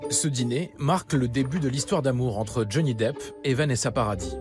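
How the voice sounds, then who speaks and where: A man's voice: medium pitch, fairly quick. A man reading scripted documentary narration. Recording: music bed behind voice.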